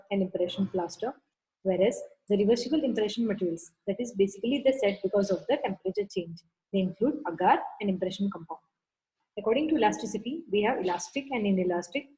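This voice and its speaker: A woman's voice: mid-range voice, warm tone, low-quality recording. A woman lecturing on dental materials, going through classifications step by step in a methodical, instructional way. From India.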